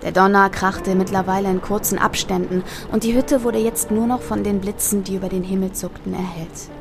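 Woman reading a scary story out loud, gets tense in the creepy parts, quiet music under it. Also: mid-range voice, steady tone, a little fast, gravelly. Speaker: narrator. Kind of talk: scripted horror story narration.

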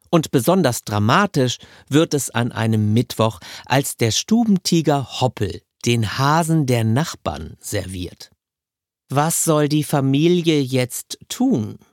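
A man hosts a show, presenting audiobooks from a script in a chatty, lightly amused way. His voice sits a little high. The sound is dry and close to the mic. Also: dry recording. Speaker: podcast host presenting audiobooks.

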